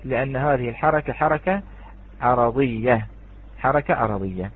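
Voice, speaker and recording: A man teaching Quran recitation rules in an online lesson, patiently repeating words slowly as he explains. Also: on the high side, slightly rough. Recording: phone-like online audio.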